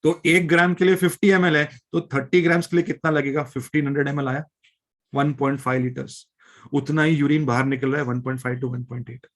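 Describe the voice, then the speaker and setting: A man's voice: on the high side, little pitch movement. A male biology teacher with an Indian accent, lecturing a live class, mixing Hindi and English and often checking that students follow. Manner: reads textbook lines slowly, then explains them.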